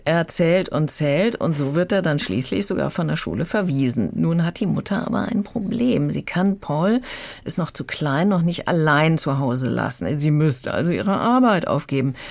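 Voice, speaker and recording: A woman's voice: low-pitched, animated, moderate pace, gravelly, a little mellow. A woman critic chattily summing up a children's book on the radio. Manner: chatty, summarizing.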